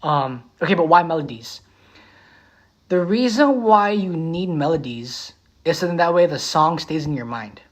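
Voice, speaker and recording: A beatboxer and musician chatting casually on a livestream, repeating titles slowly and humming melodies. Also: medium pitch, expressive.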